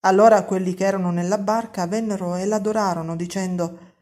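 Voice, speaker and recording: A woman reading a Bible passage aloud during a church service, clear and measured. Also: medium pitch, steady tone, a little mellow. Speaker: scripture reader.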